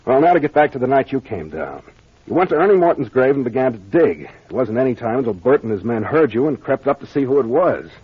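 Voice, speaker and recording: Through dull, lo-fi vintage audio, an American man acts as a captain in 1940s radio mystery style, briskly and confidently explaining the solved case. His mid-range voice is husky and highly animated, and his explanation is authoritative and plain, laced with gangster slang.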